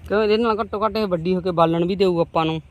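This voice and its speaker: A woman's voice: fairly low pitch, very fast. A woman, chatting homely to viewers as she walks outdoors through her farm's vegetable plots. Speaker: vlogger. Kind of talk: casual farm vlog talking to viewers.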